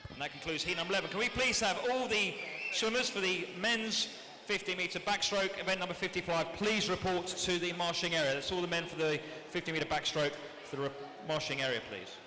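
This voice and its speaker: Man, swimming meet announcer, over a PA system, high voice, brisk, big echoey pool hall. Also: pushed and bright. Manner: brisk and matter-of-fact, reading out lanes, names and times. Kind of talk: live announcing and race commentary. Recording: echoey PA sound in a large hall, with noise.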